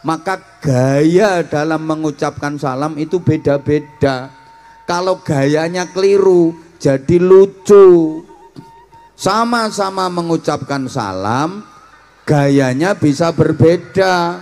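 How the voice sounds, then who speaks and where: A man's voice: on the high side, takes it slowly, darkish tone, faint music behind. A man with a Javanese accent preaching a humorous sermon to students, playfully acting out different ways of greeting.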